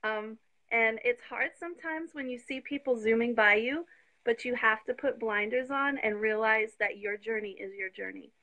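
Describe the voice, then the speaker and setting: Woman, 50s, live guest on a phone call; bright, a touch high, eager and a bit breathless. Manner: eager, talks fast when excited. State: slightly out of breath. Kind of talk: live video interview. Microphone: phone on video call.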